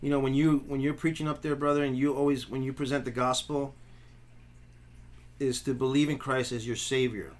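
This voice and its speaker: A pastor co-hosting a podcast discusses theology in a medium-pitched voice that moves little and runs a bit fast. He's earnest yet casual, frequently restarting his sentences and affirming the other host.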